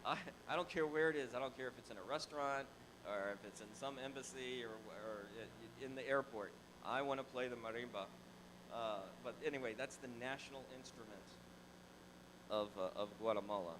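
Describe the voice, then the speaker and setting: Using a handheld microphone in a big sanctuary, this middle-aged Tallahassee pastor shares a personal story in casual church-talk style. He talks briskly at a medium pitch, lively and conversational, often repeating himself and starting over, against a noisy background.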